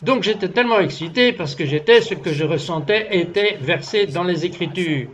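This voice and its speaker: A man's voice: high-pitched, lively intonation, normal speed, a bit bright. A man giving a French voice-over of a guest's testimony, telling it earnestly and acting out its dialogue. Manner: earnest storytelling, acts out the dialogue of his story.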